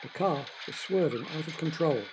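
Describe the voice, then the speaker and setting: A man narrating a story in a lively, dramatic manner. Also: on the high side, moderate pace, noisy background.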